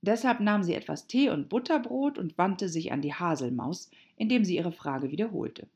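A woman narrating a children's storybook as an audiobook, in a slow, expressive way. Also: breathy edge. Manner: slow, expressive, very varied pitch.

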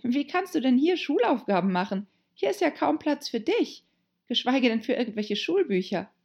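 Woman doing a high, girlish, anxious storybook heroine, breathy and animated. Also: moderate pace, highs cut off, full character voice. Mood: fretful. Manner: anxious, stammering self-talk. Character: girl Alice, worried and chattering to herself. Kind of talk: audiobook character voice.

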